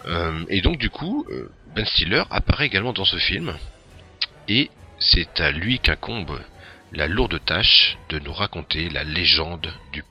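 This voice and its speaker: A man's voice: deep voice, big pitch swings, unhurried, bright, forceful tone, soft background music. A man hosting a casual talk about a film, hesitant and full of fillers. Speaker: host presenting a film. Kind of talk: casual chat.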